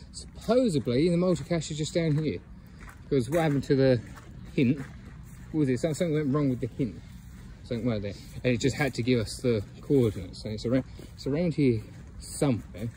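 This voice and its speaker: A man's voice: medium pitch, dark tone, slight background noise. A man filming a casual outdoor walk-and-talk vlog on a phone, rambling with many ums and chuckles. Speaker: geocaching vlogger. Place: outdoors by a fence and bushes.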